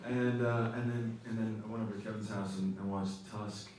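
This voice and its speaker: A man, a cast member on a panel, answering in a halting, casual way with many restarts. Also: fairly low pitch, flat delivery, darkish tone, slight background noise. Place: large festival theater. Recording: echoey hall, from far off, audience murmur.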